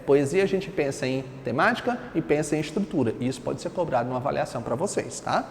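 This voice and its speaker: Brazilian male teacher, high voice, chatty explainer, reverberant room, faint hiss. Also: animated, fast. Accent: Brazilian Portuguese. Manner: explanatory, conversational, frequent rhetorical questions. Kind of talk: literature lesson.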